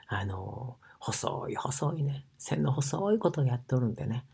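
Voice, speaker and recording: Husky, gravelly man with an Osaka dialect. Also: medium pitch, very animated, unhurried, darkish tone. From Osaka, Japan. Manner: rambling, many fillers, often drops to a breathy near-whisper. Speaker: sauna ambassador. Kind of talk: casual monologue.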